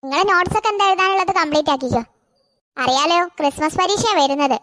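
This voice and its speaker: A voice actor doing a gentle cartoon schoolteacher. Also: high-pitched, fast talker, no echo, studio quality. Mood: instructing. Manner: gentle, instructing. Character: kind female schoolteacher. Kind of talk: cartoon voice acting.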